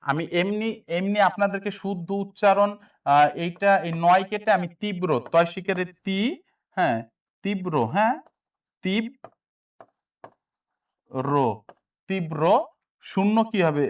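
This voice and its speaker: A man's voice: high-pitched, moderate pace, recorded from a distance. A man teaching an exam prep lesson, repeating answers and often quizzing his listeners.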